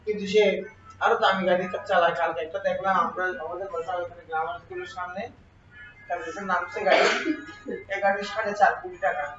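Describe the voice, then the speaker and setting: High-voiced male teacher in an echoey room. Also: steady tone, fast, music in the background. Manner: asks the class questions and answers them himself. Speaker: exam prep teacher. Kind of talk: classroom grammar lesson. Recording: roomy, distant, dull lo-fi sound with faint noise.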